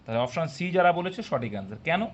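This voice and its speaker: A man's voice: on the high side, big pitch swings, very fast, very noisy. A man teaching an exam-prep class live, quizzing his students and explaining step by step, sometimes scolding them for answering early. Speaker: English teacher for exam coaching.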